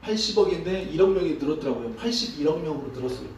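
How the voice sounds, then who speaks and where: A man preaching as a pastor, asking his congregation questions in a relaxed, conversational sermon. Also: a little high, rapid-fire, a little hiss or hum. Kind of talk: interactive sermon. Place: church sanctuary. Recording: echoey hall, distant mic.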